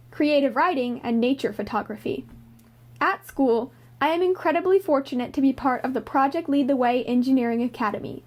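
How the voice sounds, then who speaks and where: A woman's voice: sits high, darkish tone. A teenage girl giving an earnest, scripted personal statement as a scholarship recipient. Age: teens.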